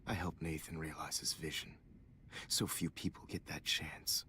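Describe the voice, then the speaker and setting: Deep-voiced, menacing villain teacher. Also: male voice, steady tone, sharp tone, slight background noise. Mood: taunting. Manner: menacing, slow villain monologue, condescending. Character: cold, self-obsessed male photography teacher turned killer, middle-aged. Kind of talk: dramatic video game voice acting.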